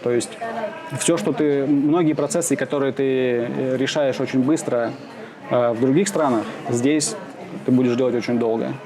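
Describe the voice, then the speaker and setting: A man from Siberia being interviewed outdoors in the shade, answering slowly with many pauses, fillers and restarts. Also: medium pitch, fairly even intonation. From Russia (Siberia). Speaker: interviewee, expat businessman. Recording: outdoor crowd noise behind.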